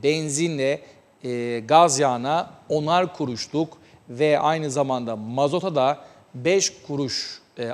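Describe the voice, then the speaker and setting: A man hosting a TV talk show, giving news commentary with a measured delivery and many hesitant filler sounds. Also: medium pitch, long reverb tail.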